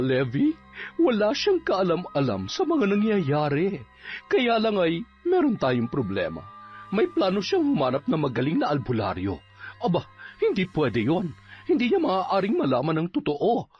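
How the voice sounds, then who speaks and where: A man's voice: fairly high pitch, wildly swooping pitch, moderate pace, pitched above the performer's own voice. A man putting on a two-faced village captain woman. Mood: scheming. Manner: sugary in public, sneering in private. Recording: slightly dull recording with music underneath.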